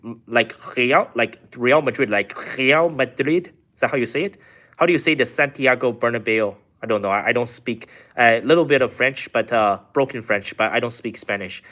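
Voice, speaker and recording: A man's voice: mid-range voice, sharp tone. A man from China hosting a casual live stream, reading out chat questions and rambling through answers with lots of filler words. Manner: rambling, filler-heavy talk with many "like"s. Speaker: livestream host reading chat.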